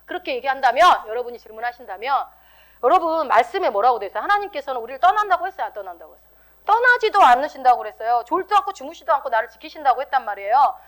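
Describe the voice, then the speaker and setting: Woman pastor, high voice, lively teasing sermon, acts out quotes. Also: racing.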